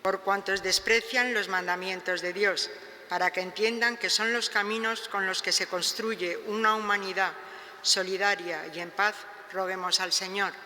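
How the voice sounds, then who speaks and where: High, bright man with cathedral echo. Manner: measured, even recitation ending each petition with a set refrain. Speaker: lector reading the prayers of the faithful. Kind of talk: liturgical reading at Mass. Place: church during Mass. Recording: reverberant church hall, faint background noise.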